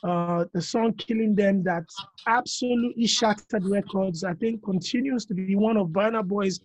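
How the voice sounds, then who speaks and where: A man hosting a podcast, asking measured, prompting interview questions. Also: high voice, no echo. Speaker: podcast host.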